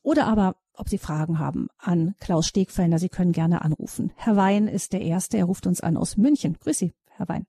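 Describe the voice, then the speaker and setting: Husky-voiced woman radio host. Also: lowish voice, brisk, hardly any pauses, dry recording, clean studio sound. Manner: calm, courteous. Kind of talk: radio call-in moderation.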